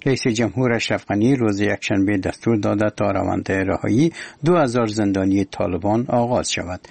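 A man with an Afghan accent reading scripted news in a solemn, measured, formal manner as a radio newsreader. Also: fairly low pitch, vocal fry, darkish tone, no room sound. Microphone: close studio microphone.

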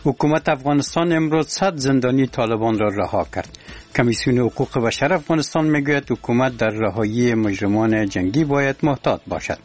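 A man with an Afghan accent reading scripted news in a solemn, measured, formal manner as a radio newsreader. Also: medium pitch. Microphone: close studio microphone.

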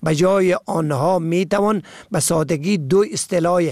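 A man giving a scripted language lesson, listing word pairs and their meanings in a measured, methodical way. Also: sits high, darkish tone, no room sound, studio quality. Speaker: language teacher.

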